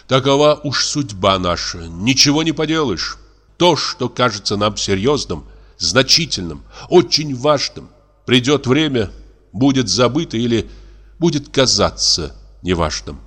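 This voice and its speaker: A man playing reflective middle-aged army officer, musing, lively pitch, one-man audiobook play. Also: unhurried.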